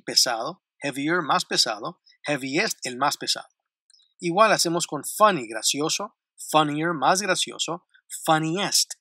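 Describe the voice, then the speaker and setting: Bright-voiced man teaching grammar. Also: fairly high pitch, dry recording, clean studio sound. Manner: repeats word lists slowly and clearly, with light laughs. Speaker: English teacher. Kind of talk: grammar lesson explaining English to Spanish speakers.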